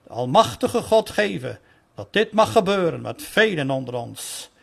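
Male sermon reader, high gravelly voice, earnest and pleading. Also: big pitch swings. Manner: earnest pleading delivery, slowing for quoted calls. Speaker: preacher reading a sermon. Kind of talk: sermon reading.

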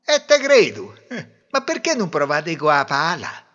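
A man voicing a fed-up young groom, scolding loudly and sarcastically. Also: a little high, wildly swooping pitch, unhurried, voice pushed up, full character voice. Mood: exasperated. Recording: dull lo-fi recording.

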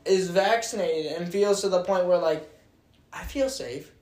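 A man's voice: high-pitched, unhurried, a little mellow. A young man with a Chicago accent in casual podcast chat, rambling with lots of fillers. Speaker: podcast co-host. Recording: roomy echo, faint noise.

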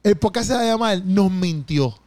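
A man's voice: high-pitched, lively intonation, a little mellow, no room sound. A man with a Puerto Rican accent, co-hosting a podcast in casual, playful, teasing chat. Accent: Puerto Rican Spanish. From Puerto Rico. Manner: playful, teasing, quick to laugh. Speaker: podcast co-host.

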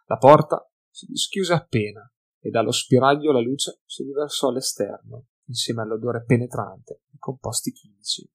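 A male narrator reading a fantasy novel aloud with a mid-pitched voice. His telling is expressive and dramatic, rising and falling with the action. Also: normal speed, husky. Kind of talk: audiobook reading.

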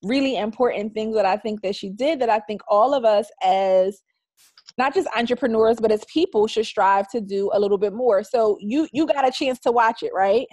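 A woman's voice: a little high, moderate pace, darkish tone, dry recording. Chatty woman podcast host, dry sound. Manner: chatty, laughs often. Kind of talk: casual podcast chat.

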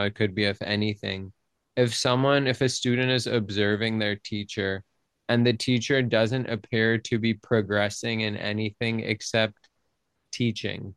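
Low gravelly guy hosting a podcast, flat-ish delivery, rambles and jokes around. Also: dry recording. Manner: rambling, playful, restarts sentences often. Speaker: podcast host. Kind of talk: casual podcast chat.

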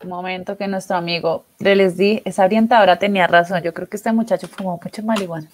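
A woman's voice: on the low side, steady tone, fast talker, slight background noise. A woman co-hosting a casual live stream, teasing and joking with the others.

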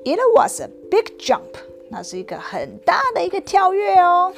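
A bold, excitable little female pig bounces through her lines in a squealing storybook voice, with a woman acting her out. She sits well above ordinary speech, high and bright. Soft music plays faintly behind the reading. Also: normal speed, gravelly, full character voice. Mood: proud. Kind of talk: storybook read-aloud.

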